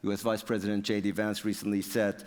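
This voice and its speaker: Man, stage interviewer, TV presenter, measured, fluent, occasional fillers. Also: fairly low pitch, completely flat delivery, darkish tone. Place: university hall on stage.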